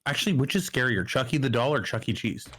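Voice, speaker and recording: A man's voice: medium pitch, lively intonation, quick pace, a bit bright, slightly rough. A man co-hosting a casual movie podcast, rambling with self-deprecating jokes. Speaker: podcast co-host.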